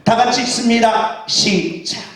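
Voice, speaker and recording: Emphatic high-voiced preacher, echoey hall. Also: male voice, a little slow, a crowd in the background. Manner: emphatic, asks the congregation questions and shouts out exclamations. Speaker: pastor. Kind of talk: Easter sermon. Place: church sanctuary. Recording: echoey church hall from far off.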